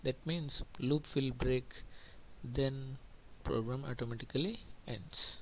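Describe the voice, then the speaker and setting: A man's voice: mid-range voice, fairly even intonation, slow pace, slight background noise, poor audio. A male computer teacher walks through a programming lesson, explaining patiently and repeating points, often checking in with "okay.". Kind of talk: screen-recorded programming lesson.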